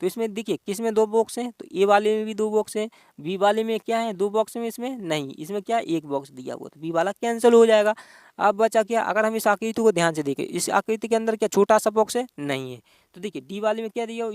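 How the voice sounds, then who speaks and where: A man's voice: high-pitched, fast talker, a little mellow, clean tone, no room sound, studio quality. A male teacher giving an exam-prep reasoning lesson, explaining step by step and asking himself rhetorical questions.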